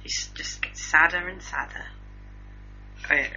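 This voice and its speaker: Host: woman, lowish voice, bright and husky, gossipy news banter, muffled lo-fi recording. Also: normal speed, soft background music. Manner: chatty, gossipy, self-mocking. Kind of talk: casual news chat.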